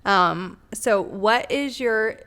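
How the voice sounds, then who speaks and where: A woman's voice: medium pitch, drawn-out words, sharp tone. A young woman hosting a podcast, leading the questions in a friendly, casual way. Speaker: podcast host. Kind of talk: casual chat.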